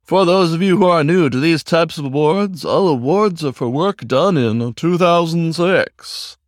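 A stiff, droning aardvark emcee reads out awards in a raised, formal voice, as a man puts him on. He drags his words slowly and announces every line. The sound is dry and close. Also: on the high side, no echo, pitched above the performer's own voice, natural voice. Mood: formal announcing. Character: pompous male aardvark awards host.

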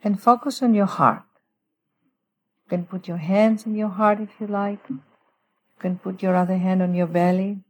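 A woman guiding a breathing meditation in a soothing sleep-story manner, giving gentle, unhurried instructions with long pauses. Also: mid-range voice, fairly even intonation, low-quality recording. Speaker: guest author leading a guided breathing meditation.

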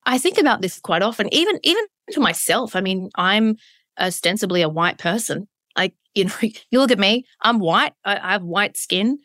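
A woman's voice: mid-range voice, lively intonation, moderate pace, a bit bright, no echo. A woman speaks with a broad Australian accent in a dry, close recording. She is candid and emphatic, often stacking up near-synonyms as she reflects in an interview. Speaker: interview guest.

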